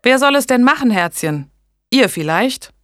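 A woman's voice: on the high side, lively intonation, normal speed, no echo, clean studio sound, voice pushed up, natural voice. Woman growling as a scornful old midwife. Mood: mocking. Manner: growling, contemptuous. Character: gruff old female midwife, scornful and bossy.

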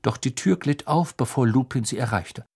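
A man narrating an audiobook in a lively, dramatic reading style. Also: medium pitch, moderate pace, slightly rough. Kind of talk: scripted narration.

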